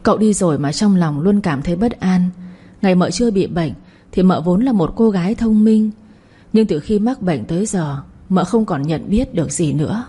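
A woman reads a serialized story aloud at a steady pace. Her voice sits low and sounds husky, with a dark, mellow tone. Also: normal speed. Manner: steady reading, voicing every character. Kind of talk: scripted story narration.

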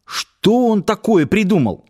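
A man doing a timid young man, raised pitch. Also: big pitch swings, a little slow, darkish tone, breathy edge, heavily acted. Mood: flustered. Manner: hesitant, plaintive.

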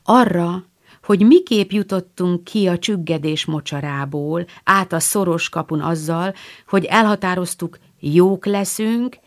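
Brief: woman voicing a quiet dreamy girl, soft and lowish. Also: natural voice. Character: shy dreamy teenage girl.

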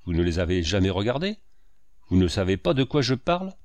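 A hot-headed, heavy-set man who rages and fires one question after another, read by a man. His delivery is vehement and loud. The voice sounds dry and close. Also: mid-range voice, big pitch swings, slow pace, no room sound.

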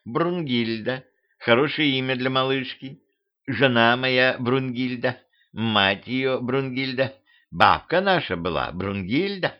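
A man putting on a furry little male house spirit from a storybook, whiny and sly, with a mewing, pleading way of talking. The voice sits at an ordinary male pitch but is lifted and wheedling, and the homemade recording sounds a little dull. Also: lively intonation, slow pace.

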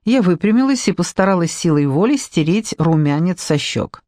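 Lively male audiobook narrator. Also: sits high, normal speed, dry recording, studio quality. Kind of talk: scripted first-person narration.

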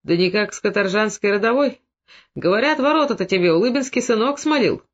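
Brief: man playing mocking, mock-casual merchant, high voice, dull audio. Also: expressive, a little fast. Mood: sneering. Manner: mock-indifferent, sneering. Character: sly male village shopkeeper, mocking. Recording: dull lo-fi recording.

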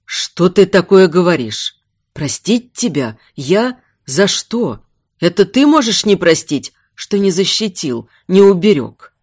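A woman voicing a weary young male king, a besieged warrior who speaks low and tired. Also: sing-song, takes it slowly, darkish tone, slightly rough, exaggerated voice.

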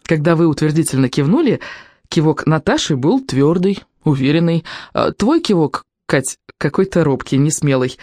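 Reader doing a confident young artist, calm and explaining, dry storybook read. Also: mid-range voice, moderate pace, dry recording, close to an everyday voice. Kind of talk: audiobook reading.

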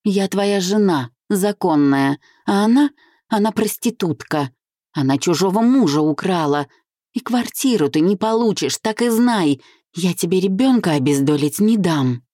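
A woman's voice: mid-range voice, lively intonation, unhurried, dark tone, dry recording, clean studio sound, voice pushed up. A woman voicing a bitter young wife who insists sharply on her rights, in an audiobook.

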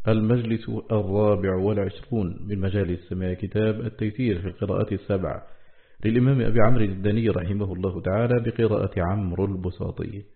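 A man with a low voice recites a scholarly text in an even, measured way. He slows down to spell out each quoted word. The sound is thin and narrow, like a phone line. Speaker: reader of a classical text.

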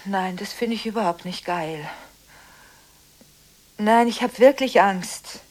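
Here the same jittery radio-drama character, a scattered woman stammering through calls and veering between whispering and loud bursts, sounds frightened. The actress speaks slowly at a medium pitch in a natural-sounding voice.

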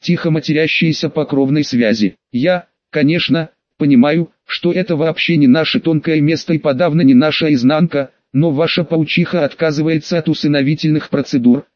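A man narrating a fantasy audiobook, reading every character in one steady voice. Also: on the high side, brisk, few pauses, dry recording, muffled recording.

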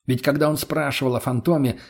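A man narrating an audiobook in the first person with a plain, steady reading. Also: medium pitch, a little fast, creaky, slightly rough.

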